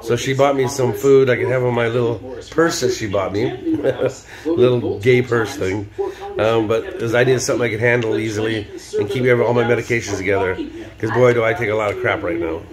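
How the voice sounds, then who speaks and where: A man's voice: medium pitch, fairly quick. An older man vlogging in a casual, rambling way, full of ums and restarts. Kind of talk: casual video diary chat. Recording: busy crowd noise behind.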